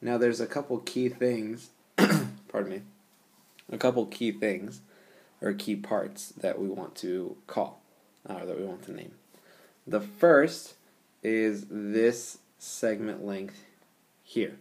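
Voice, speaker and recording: A man's voice: on the low side, fairly even intonation, takes it slowly, pauses often, a little mellow. A man teaching a geometry lesson over a screencast, explaining patiently in a casual way and often checking in with the listener. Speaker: math teacher.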